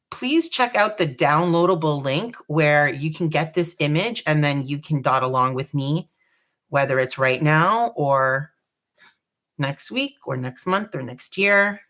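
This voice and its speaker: A woman hosting a live dot painting tutorial, chatty and relaxed, joking about her own nerves. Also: deep voice. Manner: chatty, relaxed, self-deprecating. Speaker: craft tutorial host.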